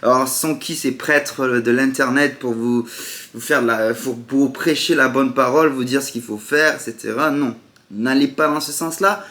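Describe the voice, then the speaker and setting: A man's voice: mid-range voice, moderate pace, sharp tone. Sarcastic southern French man, echoey room. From southern France. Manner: sarcastic, rambling, jumps into mock voices. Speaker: vlogger. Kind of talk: casual monologue to camera.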